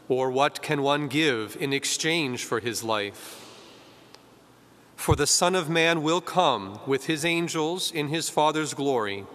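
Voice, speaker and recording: A man, a priest, reads the Gospel and preaches at Mass in a measured, clear way, his voice ringing with cathedral echo. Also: fairly high pitch, a bit bright. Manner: measured, clear proclamation, with an easy conversational tone in the homily. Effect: cathedral echo, long church reverb. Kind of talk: gospel reading and homily at Mass. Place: church during Mass. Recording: long echoing church reverb.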